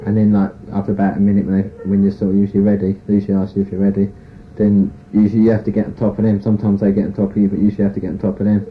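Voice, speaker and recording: A man's voice: lowish voice, monotone, very fast. A man, giving a frank, rambling personal account in an interview, full of "you know" and "sort of". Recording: tinny phone-like tape recording with faint hiss.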